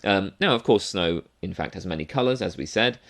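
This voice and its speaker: A man's voice: deep voice, animated, a little fast, a bit bright. A man giving an explanatory philosophy lecture, thinking aloud with restarts, fillers and frequent rhetorical checks.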